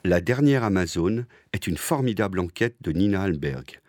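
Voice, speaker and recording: A man hosting a podcast with intimate, close-to-the-ear scripted narration and a playful, deadpan manner. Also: low-pitched, moderate pace, no room sound. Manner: speaking close into the listener's ear; playful, tongue-in-cheek deadpan. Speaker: podcast host.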